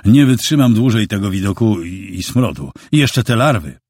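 A man's voice: fairly low pitch, sing-song, moderate pace, a little mellow, no echo, clean studio sound. A man voicing a shaken young man who reports urgently on the phone. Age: young adult.

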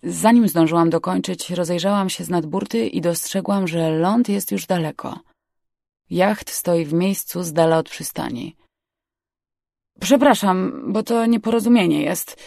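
A woman with a gravelly, low voice narrates an audiobook in the first person at a moderate pace. Her tone is a little mellow, and the recording is dry with clean studio sound.

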